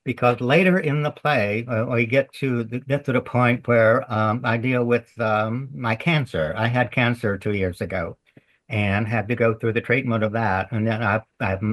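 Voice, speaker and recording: A man with a Southern US accent, a playwright chatting in an interview, rambling in a folksy way as he tells stories. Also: medium pitch. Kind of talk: casual interview chat.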